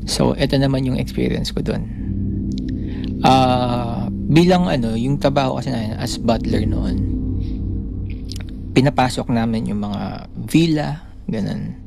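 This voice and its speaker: A man's voice: medium pitch, a little slow, vocal fry, long pauses, noisy background. A man co-hosting a podcast, telling a story in casual chat and acting out the voices of the people in it. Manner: animated storytelling, acting out quoted lines. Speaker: podcast co-host.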